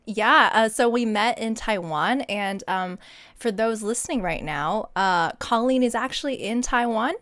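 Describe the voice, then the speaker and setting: A woman's voice: fairly high pitch, a little slow, no room sound. Young woman, from Hawaii, playful, laughs a lot, podcast co-host, call audio. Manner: giggly and playful, bursts into loud whoops. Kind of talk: casual chat. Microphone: video call.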